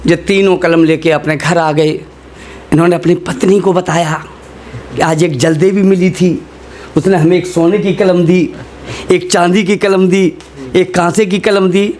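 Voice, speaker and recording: A man's voice: sits high, measured pace, slight background noise. A man telling a comic story on stage as a humorous poet, acting out the characters' lines. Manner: animated, acts out characters' lines.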